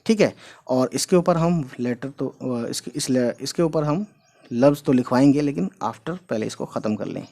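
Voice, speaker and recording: Male teacher of mid pitch running a relaxed step-by-step script lesson, mixing in English phrases. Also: normal speed. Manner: explains step by step, repeating each sound and using many fillers. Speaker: Urdu teacher. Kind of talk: casual whiteboard lesson.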